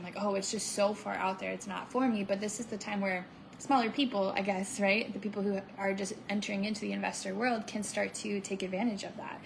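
A woman's voice: medium pitch, gravelly, slight background noise, low-quality recording. A woman co-hosting a casual podcast chat, upbeat and salesy, with lots of "like" and "right?". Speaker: podcast co-host.

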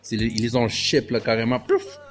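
A man's voice: mid-range voice, very animated, normal speed, faint music behind. A man with a Quebec French accent telling his story in a casual conversation, slipping English slang into his French. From Canada. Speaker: guest.

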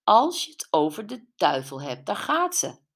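A woman's voice: medium pitch, huge pitch swings, normal speed. A woman doing Betty, a blunt gossipy canteen lady. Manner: blunt, chatty.

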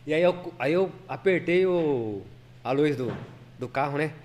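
A man's voice: on the high side, animated, unhurried, darkish tone, a little hiss or hum. A man who is a lay preacher, a guest on a podcast, telling a personal story in casual, earnest talk full of restarts and repeated words.

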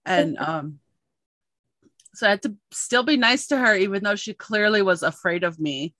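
A woman podcast host and journalist, chatting casually and telling a lively story, acting out the voices of the people in it. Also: mid-range voice, moderate pace, no echo. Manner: animated storyteller, acts out quoted voices.

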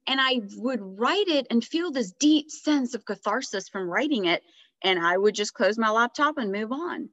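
A woman's voice: a little high, normal speed, no room sound. A middle-aged woman guest on a podcast, telling her story in a reflective, casual way. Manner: reflective, animated when retelling dialogue. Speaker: guest author. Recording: dry, slightly dull podcast audio.

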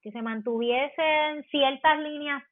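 A Puerto Rican actress chatting as a podcast guest, explaining in an animated way with many fillers. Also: female voice, high voice, measured pace, no echo. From Puerto Rico. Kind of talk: podcast interview chat. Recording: dry tinny phone-like sound.

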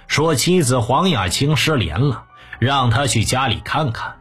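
Male true crime narrator, scripted storytelling, animated intonation, rough husky voice, music underneath. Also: medium pitch. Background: background music.

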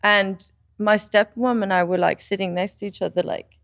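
A woman in her twenties chatting casually, telling a personal story with animated retellings of what others said. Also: medium pitch, normal speed, creaky, no room sound, clean studio sound. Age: 20s. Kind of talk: casual chat.

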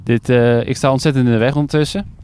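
A man's voice: medium pitch, steady tone, fast talker, darkish tone, clear, resonant tone. A man reporting from a lakeside jetty in the rain, chatty and curious, often stumbling over his words. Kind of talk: outdoor field report.

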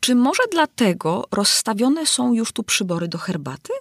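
A woman's voice: on the high side, sing-song, moderate pace, breathy edge, no room sound, clean studio sound, pitched above the performer's own voice, exaggerated voice. A woman voicing a curious, polite young girl who asks earnest, prim questions in a storybook reading.

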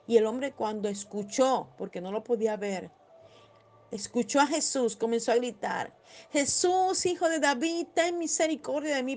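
A woman preaching a devotional sermon in a tender tone, slowing on scripture and crying out when she voices pleas. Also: on the high side. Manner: tender, rising to loud cries when voicing pleas.

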